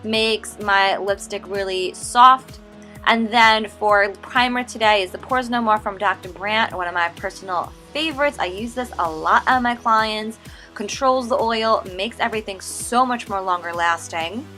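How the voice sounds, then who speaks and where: A woman's voice: medium pitch, a little slow, sharp tone, faint music behind. A young woman from the United States hosting a makeup tutorial, upbeat and gushing, often saying "like" as she narrates each step. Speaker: makeup artist and beauty channel host.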